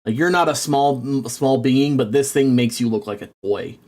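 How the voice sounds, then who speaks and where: A man narrating a tabletop game as game master, rambling with many fillers and turning excitable when he rants. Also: mid-range voice, normal speed.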